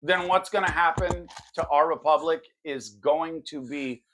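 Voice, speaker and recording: A man with a slightly high voice hosts a political podcast. He delivers his commentary emphatically, with a combative edge. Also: unhurried, a bit bright, a little hiss or hum, rough recording. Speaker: podcast host.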